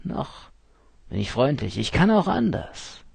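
A man's voice: mid-range voice, very animated, a little slow, gravelly, darkish tone, breathy edge, no room sound, pitched above the performer's own voice, exaggerated voice. Man voicing a brusque, scornful subway bully. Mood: threatening. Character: rude, arrogant grown man on a subway.

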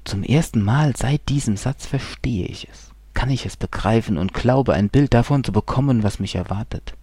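A man reading a dark first-person horror story, brooding and slow, often dropping into hushed whispers. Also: mid-range voice, breathy edge, dry recording. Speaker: narrator.

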